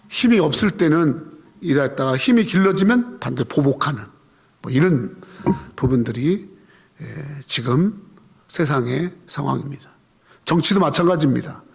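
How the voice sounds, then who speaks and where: A man's voice: mid-range voice, gravelly, husky. A man preaching a conversational sermon, asking the congregation questions and leading them in reading scripture aloud. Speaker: pastor. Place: church sanctuary. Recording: long hall reverb.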